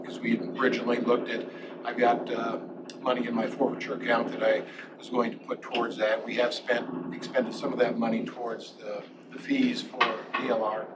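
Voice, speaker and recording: A man, a county sheriff, briefing a board with a halting delivery and many restarts. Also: medium pitch. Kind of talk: meeting briefing. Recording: distant mic with loud noise.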